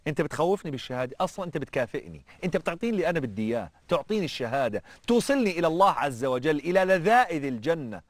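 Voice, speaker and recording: A male preacher, telling a story in a sermon with an animated, fervent delivery and colloquial asides. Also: a little high, rapid-fire, hardly any pauses, no room sound.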